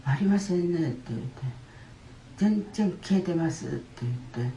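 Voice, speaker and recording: An older woman, giving a halting personal testimony in church with many pauses. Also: fairly low pitch, animated, warm tone, a little hiss or hum. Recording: roomy church hall.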